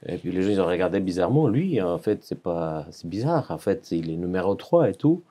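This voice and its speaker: A man from Serbia in his forties speaks with a low, warm voice that swings widely in pitch, moving briskly as he recounts his life story in a podcast interview. He talks in earnest, Serbian-accented French, hunting for words and repeating phrases.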